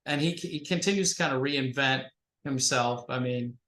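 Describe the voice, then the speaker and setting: A man hosting a casual interview over a thin, tinny microphone with no bass, talking in a rambling, halting way full of fillers. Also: a bit bright. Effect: thin tinny microphone sound with no bass. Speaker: interview host. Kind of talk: casual video-call interview. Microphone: home computer microphone. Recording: tinny mic in an echoey room.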